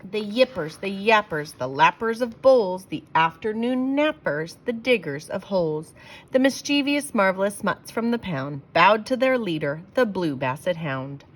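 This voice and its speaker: A woman reads rhyming verse aloud for children, leaning on the rhymes in an expressive, theatrical storytelling style. Her voice sits at medium pitch and her pace is a little slow.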